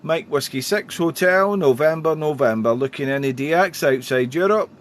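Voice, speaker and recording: On the high side and speaking at normal speed with lively intonation, a male radio amateur calls out phonetic call signs and chats amiably. The recording of his contact calls and casual conversation carries clear background radio noise.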